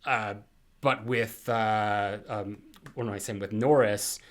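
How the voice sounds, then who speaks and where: A man's voice: lowish voice, steady tone, takes it slowly. A man co-hosting a podcast, talking through a film in casual chat, rambling with lots of fillers and restarts. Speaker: podcast co-host.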